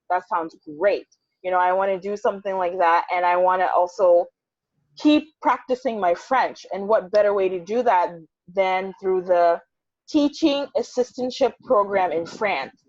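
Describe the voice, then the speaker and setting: A young woman talks over a choppy, bad video-call connection, the sound dull and lo-fi. The room is dry and close, with no echo. She answers interview questions in a chatty, storytelling way. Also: mid-range voice. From United States. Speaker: interview guest, English teacher.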